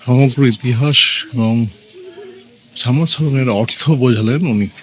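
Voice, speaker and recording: A man narrating his travel vlog in a calm, informative voice-over. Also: medium pitch, a little slow, music in the background. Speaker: travel vlogger.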